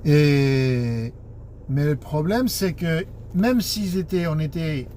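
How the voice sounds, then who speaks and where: A man's voice: a little high, takes it slowly, warm tone, slight background noise. A man giving an informal explanation in broken French, searching for words and making grammatical slips. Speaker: taxi association board member and spokesman.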